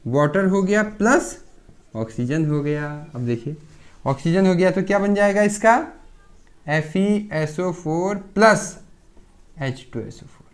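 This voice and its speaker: A man talks through a pharmacy chemistry lesson in a relaxed classroom way. His voice sits a little high for a man. He poses questions to his students, answers them himself, and keeps checking in as he goes. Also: slow pace. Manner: explains step by step, asks and answers his own questions, keeps saying "theek hai". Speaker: pharmacy lecturer. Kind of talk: casual classroom lecture.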